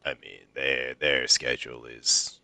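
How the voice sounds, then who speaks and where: A man's voice: a bass voice, flat delivery, measured pace, creaky, bright, forceful tone, dry recording. A young man in casual gaming chat over a headset, needling his friends with profane trash talk. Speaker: online league player.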